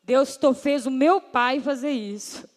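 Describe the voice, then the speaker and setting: A woman's voice: high-pitched, slow. A woman pastor, earnestly preaching her testimony to the congregation and addressing them as brothers and sisters. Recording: long hall reverb.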